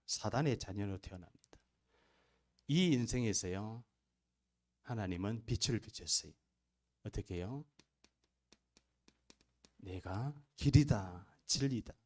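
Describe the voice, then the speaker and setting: Pastor, man, low voice, emphatic church sermon. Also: darkish tone. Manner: emphatic preaching with rising bursts and rhetorical questions. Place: church sanctuary.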